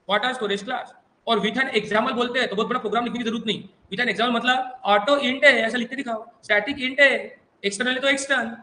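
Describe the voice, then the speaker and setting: A male teacher with an Indian English accent runs a last-minute exam revision class and keeps firing questions back at the room. His voice sits very high and sounds bright and sharp. The classroom gives it a noticeable echo. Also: slight background noise. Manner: drilling students with call-and-response questions; reassuring and coaxing, addresses students as "beta". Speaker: computer teacher. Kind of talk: exam revision lecture to students.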